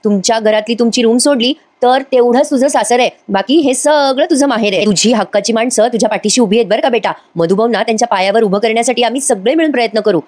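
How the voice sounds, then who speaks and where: A man's voice: very high voice, fast, few pauses, a little mellow. A woman reading the lines of a protective older father-in-law in a soothing, fatherly way.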